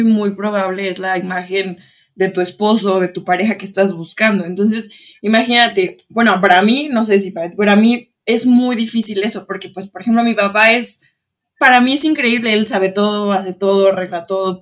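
A young woman in casual chat, animated, laughing often and acting out quoted lines. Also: mid-range voice.

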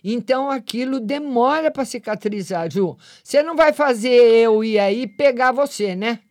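A woman's voice: on the high side, lively intonation, normal speed, darkish tone, no room sound, studio quality. An older woman hosting a live call-in show, chatting affectionately with callers and giving them readings. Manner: affectionate, calls callers "my lovely". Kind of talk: casual live call-in chat.

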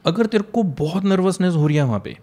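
A man with a fairly high voice and a slight Punjabi tinge to his English, chatting casually. As an English teacher, he tells stories with earnest conviction and mixes Hindi and English freely. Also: lively intonation, brisk, dark tone. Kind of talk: casual conversation.

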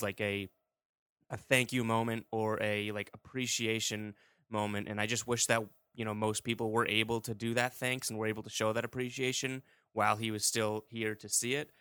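A man's voice: fairly low pitch, level tone, normal speed, fairly bright tone, clear, resonant tone, no echo, studio quality. A man talking casually as a guest on a sports podcast, often dropping in "like" as he goes. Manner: peppers speech with "like".

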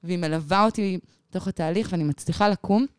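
A woman in her thirties, a podcast guest, telling a personal story in an animated, rambling way full of fillers. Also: lowish voice, clear, resonant tone, no echo, clean studio sound. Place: podcast studio.

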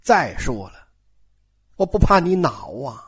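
A woman's voice: on the high side, sing-song, unhurried, slightly rough, full character voice. A woman storyteller voicing a proud, stubborn young noble girl in a cold, aloof manner.

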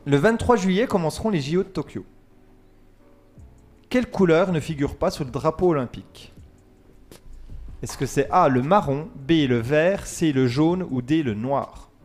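A man with a somewhat high voice runs a casual quiz segment on the radio. He reads each question and its lettered answers, counts down from three, then chats loosely with his co-hosts about the results. Soft music plays faintly behind him. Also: normal speed, pauses often. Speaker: quiz host.

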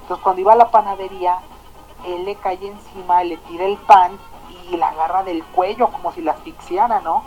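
A woman's voice: fairly low pitch, brisk, highs cut off, faint music behind. Chatty Mexican woman radio host. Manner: chatty, slangy, animated storyteller. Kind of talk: casual storytelling chat.

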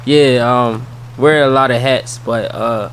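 A man from South Philadelphia with a Philly accent, a guest in a casual interview, speaking softly and easily with lots of ums. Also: mid-range voice, a little slow. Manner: soft-spoken, relaxed, with many fillers. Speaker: guest, entrepreneur and youth mentor. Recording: faint background noise.

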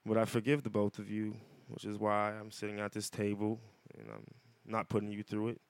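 A man with a lowish, smooth voice, recorded close and dry. He talks casually as a podcast guest in a wrestler's interview. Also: flat delivery, normal speed, no room sound. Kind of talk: casual bilingual interview chat.

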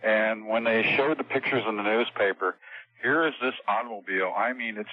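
A man heard over the phone as a radio show guest, talking in a halting way with many fillers. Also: fairly low pitch, no room sound. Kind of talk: call-in radio interview. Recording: tinny phone line.

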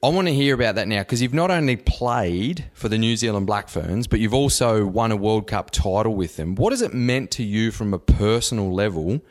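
Podcast host: Australian-accented man, slightly low voice, chatty and informal interviewer. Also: lively intonation, moderate pace, few pauses, a little mellow. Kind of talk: casual conversational interviewing.

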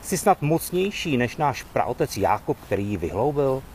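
A man's voice: medium pitch, sing-song, darkish tone, a little hiss or hum. A man reading the lines of a skeptical village woman from scripture in a questioning, earnest way.

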